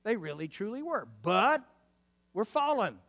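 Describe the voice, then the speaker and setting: A male preacher in his seventies delivers a sermon in a West Texas twang. His voice sits high for a man and swings widely between hushed lows and emphatic peaks. He is folksy and calls for responses, with long hall reverb around him. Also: big pitch swings, measured pace, vocal fry. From Arkansas, New Mexico and West Texas, United States. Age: 70s.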